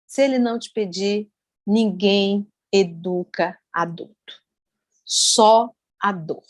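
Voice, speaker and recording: A woman with a Brazilian accent giving an online study talk, telling stories in an animated way and repeating words for emphasis. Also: medium pitch, slow, dry recording. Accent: Brazilian Portuguese. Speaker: invited speaker. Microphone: video call.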